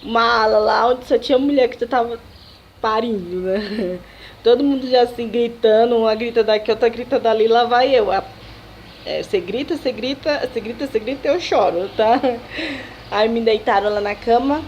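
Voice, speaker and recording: A young Brazilian woman chats to her camera in a slightly high voice, retelling a personal story with big emotion, quick laughs and acted-out dialogue. A faint hiss sits under the recording. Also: highs cut off. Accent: Brazilian Portuguese. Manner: animated, emotional retelling with laughs and dramatic quotes. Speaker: vlogger.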